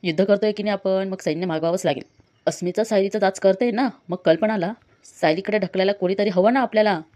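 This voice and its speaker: A woman's voice: mid-range voice, fast, darkish tone, lightly acted. A woman voicing an older family head who plots and explains, read in her own voice. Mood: scheming. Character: older father figure, plotting, grand.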